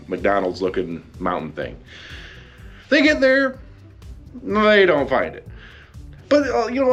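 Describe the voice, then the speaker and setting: A male host recaps an anime episode in a loose, rambling way, full of sarcasm and casual swearing. His pitch swings widely as he gets worked up and mocks the characters. Faint music plays underneath. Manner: jumps in pitch for mock quotes. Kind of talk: casual solo commentary.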